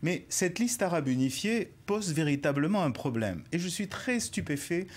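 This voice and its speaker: A man's voice: a little high, very animated, normal speed. Assertive, formal man commentator. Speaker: panel guest. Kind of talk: TV news debate.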